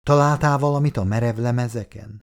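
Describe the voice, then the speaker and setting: A man reading a worried husband in an audiobook, asking gentle, quiet questions. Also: medium pitch, lightly acted. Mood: pleading. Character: worried husband, a sheriff pleading with his wife.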